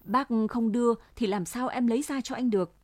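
A woman voicing a gentle young village man who softly coaxes and reassures, recorded dry and close. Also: on the high side, a little fast, no echo, lightly acted. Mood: coaxing. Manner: pleading, soothing persuasion.

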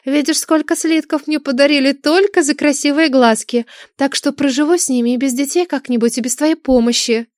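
A woman's voice: sits high, brisk, a little mellow, no echo, studio quality, pitched above the performer's own voice, natural voice. A woman reading an audiobook, voicing a haughty, mercenary young dragoness with an airy, scornful, dismissive manner. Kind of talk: audiobook character voice.

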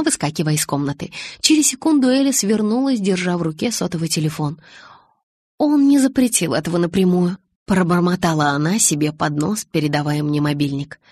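A woman narrating a novel in the first person, as a steady, scripted audiobook reading. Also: low-pitched, husky, no room sound.

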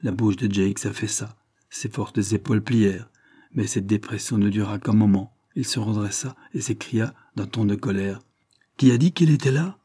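A man narrating a French crime novel audiobook in a measured, even reading, close to the mic. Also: lowish voice, husky, no echo. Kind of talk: scripted narration.

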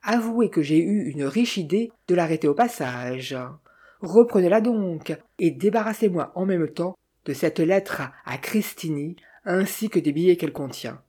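A woman's voice: lowish voice, expressive, a little slow, dark tone, breathy edge. A woman reading the lines of a mocking, good-humored male detective in an audiobook, with a wry, teasing manner.

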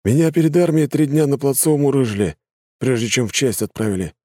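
A man's voice: medium pitch, animated, brisk, warm tone, no room sound, clean studio sound, pitched above the performer's own voice, lightly acted. A male narrator voicing a down-to-earth adult male conscript who talks in casual, blunt banter. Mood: chatty. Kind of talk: audiobook narration with voices.

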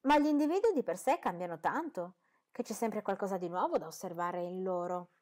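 A woman reading an audiobook, voicing a witty, lively young woman who speaks in a spirited, quick-witted way. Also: mid-range voice, natural voice.

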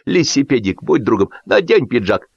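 A man reading an audiobook, voicing a pompous man who gives toasts at a party in a drawn-out, speechifying way. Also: mid-range voice, sing-song, slightly rough, no room sound, voice pushed up. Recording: dull lo-fi dry audiobook recording.

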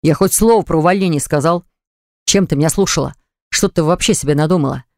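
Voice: medium pitch, quick pace, a little mellow, no room sound, clean studio sound, close to an everyday voice. A reader voicing a blunt, domineering young man who insists on getting his way with his fiancée in an audiobook. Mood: baffled.

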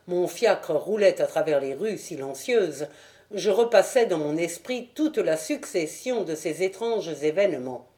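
A woman reading a novel aloud as an audiobook in measured, even scripted narration. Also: lowish voice. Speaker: audiobook reader.

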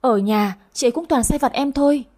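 A woman voices a lively eight-year-old boy who chatters and teases in an audio story. His voice sits a little high, soft and husky. It has a mellow, rounded tone. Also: fairly quick. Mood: teasing. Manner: chatty, teasing.

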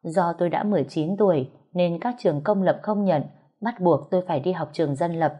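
A woman narrating a story in the first person in a calm, even reading voice. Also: fairly low pitch, fairly quick, slightly rough, lo-fi sound.

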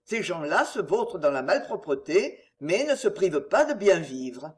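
A reader voicing a courteous English gentleman, posing as a lackey, speaking politely and firmly. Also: high-pitched, very animated, normal speed. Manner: courteous, sometimes gruff.

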